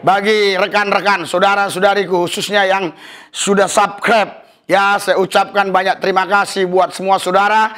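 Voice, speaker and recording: Fervent high-voiced man preaching. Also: flat delivery, moderate pace. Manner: fervent, repeats hallelujah, rising to exultant shouts. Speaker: pastor. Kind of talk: sermon. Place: church service.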